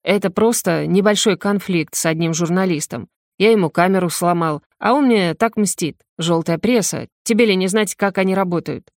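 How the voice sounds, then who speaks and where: A woman's voice: fairly low pitch, moderate pace, hardly any pauses, dry recording, clean studio sound, close to an everyday voice. Woman voicing a blunt, tense young man. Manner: clipped, commanding.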